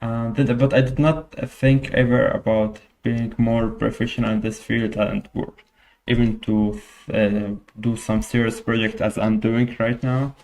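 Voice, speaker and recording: A man's voice: mid-range voice, flat delivery, measured pace, a little mellow. A young man from Syria, a guest in an interview, speaking hesitantly with many fillers and restarts. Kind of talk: casual interview.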